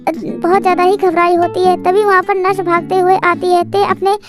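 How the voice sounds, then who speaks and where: A woman hosting her channel, narrating a fan love story in a simple, steady way. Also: extremely high pitch, normal speed. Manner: simple, steady storytelling in Hindi with English words. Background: children's music.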